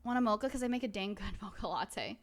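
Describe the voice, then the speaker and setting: A woman's voice: mid-range voice, quick pace. A woman livestreamer chatting casually with her viewers in a cutesy, playful manner. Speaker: livestreamer, VTuber.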